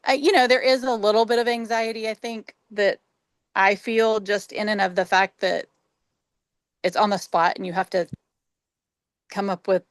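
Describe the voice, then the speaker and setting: A woman talking as a trainee counselor in a supportive, encouraging therapist-like manner, casual and reflective, with a creaky voice. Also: mid-range voice, fairly even intonation, normal speed, pauses often, dry recording. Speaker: trainee counselor in a practice role play. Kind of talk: casual, reflective discussion and counseling role play.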